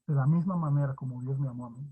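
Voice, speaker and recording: A man's voice: mid-range voice, racing, slightly rough. A male pastor preaching a sermon and telling his own testimony, fervent and emotional, repeating phrases and restarting often. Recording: dull lo-fi recording.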